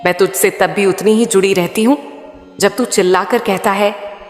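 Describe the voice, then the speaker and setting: A woman voicing a loving, all-knowing mother goddess in a soothing devotional message, speaking slowly and intimately. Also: medium pitch, fairly even intonation, lightly acted. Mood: tender. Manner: slow, soothing, intimate address. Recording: echoey hall with faint sitar music.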